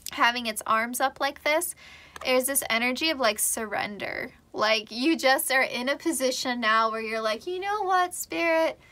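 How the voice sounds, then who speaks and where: Bright-voiced chatty woman reading tarot. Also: a little high. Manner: chatty, rambling, laughs often, many fillers. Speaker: tarot reader. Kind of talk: casual pick-a-card tarot reading.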